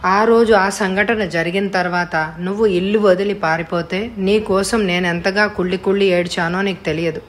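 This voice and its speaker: A woman reading an audiobook voices a frightened young woman who pleads softly. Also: medium pitch, steady tone, normal speed, a little hiss or hum, lightly acted. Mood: pleading. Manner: soft, pleading. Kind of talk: audiobook character voice.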